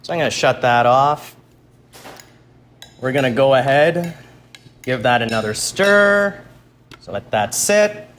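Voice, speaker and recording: Male cooking show host, medium pitch, casual step-by-step demonstration, informal delivery, audible background noise. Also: animated, measured pace, long pauses, a bit bright. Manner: informal, talks through each step as he works.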